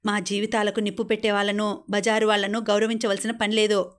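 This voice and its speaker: A woman's voice: mid-range voice, flat delivery, brisk, lightly acted. Woman reading as a scornful teenage son. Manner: scornful, sneering. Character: angry defiant teenage son.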